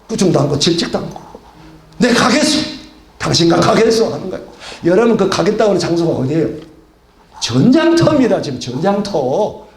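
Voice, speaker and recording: A man's voice: sits high, a little mellow, echoey room. A male pastor delivering a sermon, asking rhetorical questions and acting out the dialogue of biblical figures.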